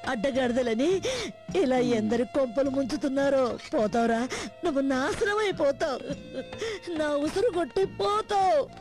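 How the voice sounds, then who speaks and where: A woman's voice: high-pitched, lively intonation, unhurried, a little mellow, faint music behind. An actress playing a meek, aggrieved middle-aged wife who laments her lot, in a film comedy scene. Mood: bitter. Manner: plaintive, lamenting.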